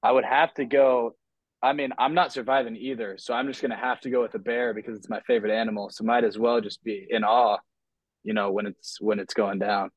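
A man's voice: mid-range voice, steady tone, a little fast, no echo, low-quality recording. A young man who is a guest on a casual podcast, answering in an easygoing way and laughing often. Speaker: podcast guest, baseball pitcher.

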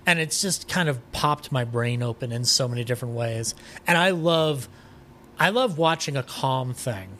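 A man with a medium-pitched, slightly bright voice talks at a moderate pace as a podcast guest in a casual interview chat. He rambles enthusiastically, swearing now and then, with some noise behind him.

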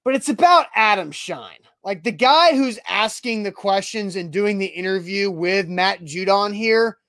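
A man's voice: high voice, lively intonation, measured pace, sharp tone, no room sound, studio quality. A man hosting a casual sports talk podcast, blunt and repeating himself when worked up. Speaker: podcast host.

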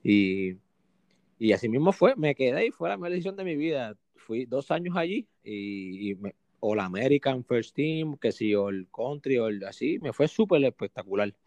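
A young man with a Puerto Rican accent telling stories casually in an interview, animated and full of restarts. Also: medium pitch, normal speed, no echo. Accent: Puerto Rican Spanish. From Puerto Rico. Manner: animated, acts out quotes with restarts. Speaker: guest, basketball player.

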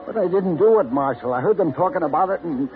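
A man's voice: fairly high pitch, lively intonation, quick pace, music in the background, natural voice. A man playing a nervous drunken cowboy braggart who pleads and denies in a whiny way, in 1950s radio drama style. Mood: pleading. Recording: tinny lo-fi old radio broadcast.

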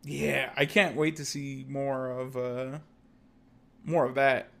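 A young man co-hosting a podcast in casual chat, often pausing to search for words. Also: mid-range voice, flat delivery, creaky, fairly bright tone. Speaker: podcast co-host. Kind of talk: casual chat about an anime.

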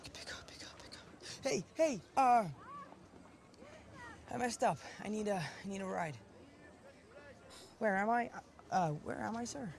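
A man's voice: high-pitched, lively intonation, measured pace, creaky, long pauses, a little hiss or hum, exaggerated voice. A young man playing a nervous, polite teenage boy, hesitant and stammering, in a film. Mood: anxious. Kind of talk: naturalistic film acting. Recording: film audio with music behind.

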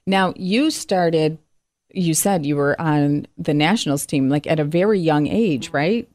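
A woman's voice: sits low, unhurried, darkish tone, no room sound, clean studio sound. A woman hosting an interview, introducing her guest with upbeat enthusiasm. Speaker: podcast host. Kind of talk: casual interview chat.

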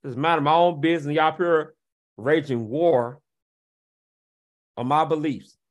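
High-voiced man ranting mockingly. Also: steady tone, quick pace. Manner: mocking, taunting rhetorical questions with scornful laughs. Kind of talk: confrontational rant to camera.

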